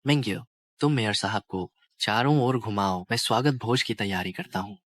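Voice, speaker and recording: Cast a boastful, fawning village head, low-pitched. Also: male voice, moderate pace, fairly bright tone, dry recording, studio quality. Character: obsequious village chief. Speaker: dubbing actor. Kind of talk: Hindi drama dub.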